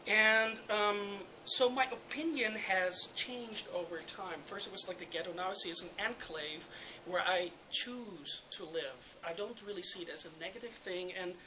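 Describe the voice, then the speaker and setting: A speaker from the Netherlands with a Dutch accent, a native Dutch speaker, giving a relaxed, hesitant panel talk full of ums and uhs. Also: medium pitch, moderate pace. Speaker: urban demographer on a panel. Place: public roundtable event. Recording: noisy event recording.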